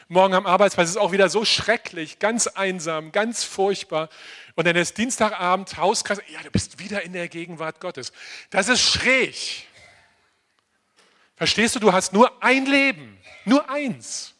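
An animated older man preaching to a church congregation, his voice high and bright as he swings from loud, emphatic declarations down to quiet asides. He keeps turning to his listeners with direct questions and slows right down on the phrases he wants to land. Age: around 60. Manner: animated, addresses listeners directly with frequent "verstehst du?". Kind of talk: lively sermon.

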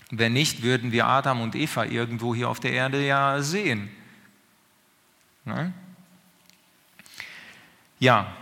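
Male preacher, chatty sermon, keeps asking "right?", bright voice, reverberant hall. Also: medium pitch. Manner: questioning, conversational, drawn-out pauses.

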